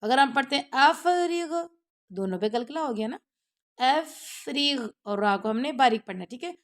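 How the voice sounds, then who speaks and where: A woman's voice: a little high, animated. A woman online Quran teacher giving a tajweed lesson, explaining step by step and often checking that students follow, with English words mixed in.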